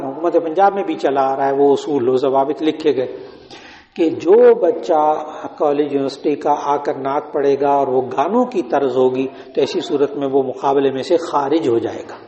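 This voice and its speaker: A man's voice: a little high, dark tone. An older man, an Islamic scholar, giving a religious Q&A lecture and explaining points while quizzing his listeners. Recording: echoey hall, dull lo-fi sound.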